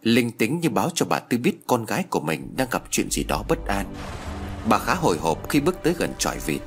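A man narrating a dramatic story in a suspenseful, expressive way. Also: lowish voice, fairly quick, over music.

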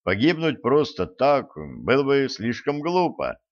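A man's voice: medium pitch, wildly swooping pitch, unhurried, highs cut off. Man narrating an adventure audiobook. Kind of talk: scripted narration.

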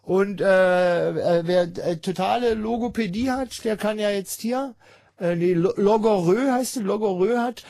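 A man's voice: sits high, a little slow, darkish tone, dry recording. A man hosting a call-in radio show, rambling and joking with lots of fillers.

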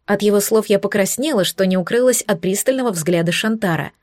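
A woman's voice: medium pitch, a little fast, a little mellow, no room sound, clean studio sound. A woman narrating a romance novel in the first person, in a sensual, intimate reading. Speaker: audiobook narrator.

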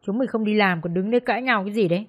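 A woman's voice: mid-range voice, rapid-fire, natural voice. A woman voicing a harsh male bar manager who threatens and bullies his staff in an audiobook story. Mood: gruff. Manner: gruff, threatening.

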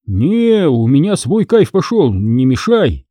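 A sluggish, careless young man, voiced by a male reader in an audiobook thriller. He stretches his words out in a slow, dismissive drawl at a raised pitch. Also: sing-song, warm tone, no room sound, full character voice.

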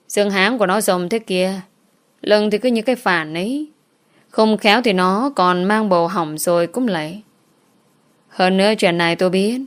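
A woman's voice: medium pitch, natural voice. A woman voicing a lecherous old male landlord who talks bluntly and mockingly.

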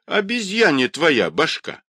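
A man voicing an old woman teahouse keeper in her sixties or more, shrill and scolding. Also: sing-song, unhurried, fairly bright tone, no room sound, clean studio sound.

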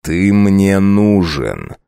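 A man voicing a cruel, menacing vampire count with a low, slow, threatening growl, audiobook style. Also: big pitch swings, gravelly, warm tone, clean tone, no room sound, clean studio sound, exaggerated voice.

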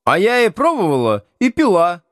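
Guy putting on a bossy loudmouth teen girl, high voice, blurts stuff out. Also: wildly swooping pitch, moderate pace, no echo, studio quality, heavily acted. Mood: brash. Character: pushy chatty teenage girl, blunt and bossy.

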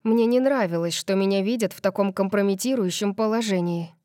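A woman narrating a first-person audiobook in an expressive manner. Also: mid-range voice, a little fast, dry recording, clean studio sound.

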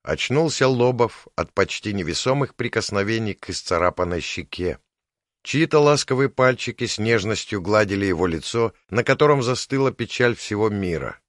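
A man reading an audiobook in scripted narration, measured and even. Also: lowish voice, no echo, clean studio sound.

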